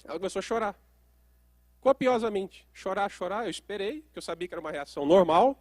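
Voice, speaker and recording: A man's voice: high-pitched, lively intonation, quick pace, darkish tone, no room sound, studio quality. A man who works as a therapist, giving a lecture and telling a case story, asking the audience questions as he goes.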